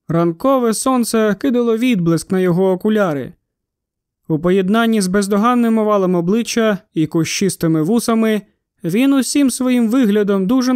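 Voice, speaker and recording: A man narrates an audiobook in a steady storytelling manner. His voice is high and smooth, and it sits right on a close microphone in a dry, dead space. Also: no echo. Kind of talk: scripted narration.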